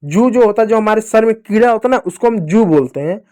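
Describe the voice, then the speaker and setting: A man's voice: high-pitched, lively intonation, fast, mellow. A male teacher giving a reading lesson to young children, patiently repeating each sound, asking questions and answering them himself, and calling his listeners dear children. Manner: addresses children fondly as dear kids.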